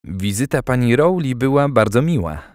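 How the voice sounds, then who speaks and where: A man voicing a flustered, gruff older grandfather in an audiobook, blustering as he talks. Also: mid-range voice, animated, moderate pace, a little mellow, no echo, studio quality, natural voice. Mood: probing.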